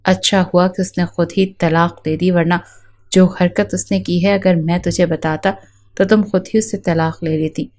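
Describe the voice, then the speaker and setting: A protective middle-aged father speaks firmly to comfort his daughter, read by a woman narrator. The voice stays mellow and dark. It is part of a spoken storybook. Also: fairly low pitch, fairly even intonation, lightly acted. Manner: firm, consoling.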